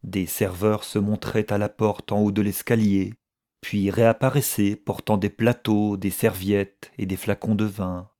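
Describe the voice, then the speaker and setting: A man narrating a story in a measured, even audiobook reading. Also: lowish voice.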